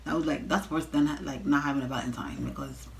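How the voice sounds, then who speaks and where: Blunt young woman on an animated storytime rant. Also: low-pitched, quick pace, slight background noise. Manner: blunt, exasperated, sweary, talking straight to viewers. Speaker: storytime vlogger.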